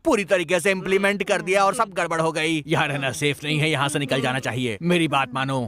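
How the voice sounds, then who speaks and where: A man's voice: fairly high pitch, fairly even intonation, a little fast, sharp tone. A man dubbing a boastful middle-aged man who talks big about hunting ghosts and bosses the others. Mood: worried. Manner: bossy, teasing. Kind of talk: dubbed film comedy. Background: film score.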